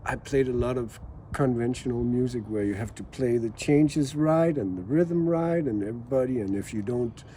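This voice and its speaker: Soft-spoken man from Denmark. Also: mid-range voice, moderate pace, hardly any pauses, a little hiss or hum. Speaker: jazz musician guest. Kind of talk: relaxed interview talk. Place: house.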